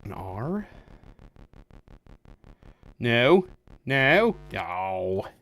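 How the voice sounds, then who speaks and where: A man's voice: mid-range voice, extremely slow. A man hosting a retro computer stream, chatting casually and reacting while he plays a game. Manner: lively, chatty, exclaims while playing. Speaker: stream host.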